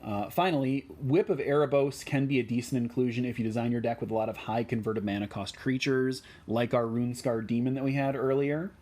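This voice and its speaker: A man with a Midwestern American accent explains card choices for a deck in a relaxed way, with many ums and uhs. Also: mid-range voice, brisk, hardly any pauses. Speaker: deck tech host.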